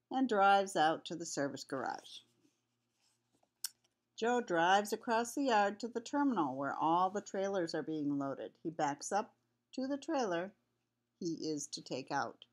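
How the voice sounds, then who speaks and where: A woman's voice: medium pitch, very animated, unhurried, long pauses. An older woman, a sweet grandmother with a cold, reading a children's picture book aloud in a homely, chatty way. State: has a cold with cough.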